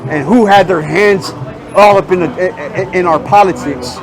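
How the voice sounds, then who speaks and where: A man's voice: sits high, normal speed, music in the background. A man interviewing a stranger on the street in casual talk, pressing with questions and dropping in Spanish phrases.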